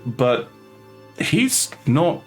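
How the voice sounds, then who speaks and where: A man narrating as game master of a tabletop game, relaxed and halting, with many fillers and restarts. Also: mid-range voice, faint music behind.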